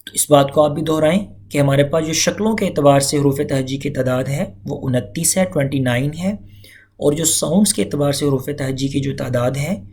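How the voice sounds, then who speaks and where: A man's voice: fairly high pitch, a little mellow. A man teaching a recitation lesson, explaining step by step and repeating key points. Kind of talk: lecture-style lesson.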